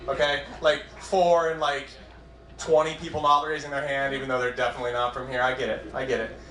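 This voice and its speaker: A New England man in his twenties, with the region's accent, does a wry, self-deprecating stand-up set on a comedy club stage. His mid-range voice is fairly bright and fairly quick with a level tone, and the club room sounds echoey.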